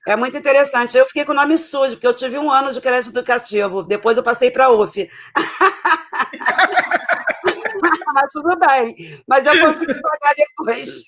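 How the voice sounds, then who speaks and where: A woman runs an online debate from a video call. She speaks in a steady voice at middle pitch, thanks the people attending and names them one by one. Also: unhurried, pauses often. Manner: warm thanks, reads out names of guests. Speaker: debate moderator.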